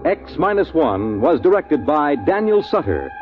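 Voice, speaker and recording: A tinny vintage radio broadcast with faint music. An American man announces in formal, measured 1950s network style, his pitch moving in lively swings as he reads scripted credits.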